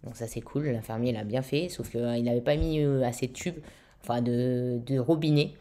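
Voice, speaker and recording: A young woman vlogger chats casually in a very deep, warm voice at a normal speed. She swears freely and leans on plenty of fillers. Her throat is still slightly weak after intubation.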